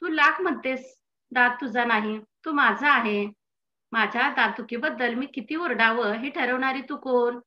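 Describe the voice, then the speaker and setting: A woman's voice: fairly high pitch, measured pace, bright, forceful tone. Aching, indignant husband, read by a woman. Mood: irritated. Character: exasperated middle-aged husband with toothache.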